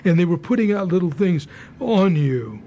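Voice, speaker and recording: A man's voice: sits high, expressive, normal speed, dark tone, lo-fi sound, slight background noise. An older man speaking in a wry, plain-spoken way in a documentary interview.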